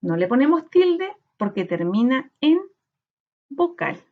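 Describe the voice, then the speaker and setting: Slow Chilean woman teacher sounding out syllables. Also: high voice, big pitch swings, phone-quality sound. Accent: Chilean Spanish. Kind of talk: recorded classroom lesson.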